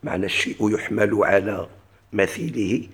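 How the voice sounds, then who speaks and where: A man's voice: on the low side, normal speed, husky. A man with a Moroccan Arabic accent teaching a classical grammar lesson. He keeps asking his class questions and then answering them himself.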